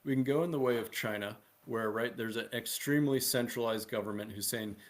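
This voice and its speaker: A man's voice: medium pitch, fairly quick. A man speaking as a guest in a casual live discussion, earnest and persuasive, often checking in with "right?". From United States. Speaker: guest promoting a political DAO.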